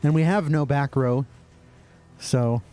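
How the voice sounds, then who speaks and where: A man's voice: medium pitch, slow pace, dark tone. A young man giving casual, sarcastic commentary while playing a game. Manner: sarcastic, mocking, talks to himself. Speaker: streamer.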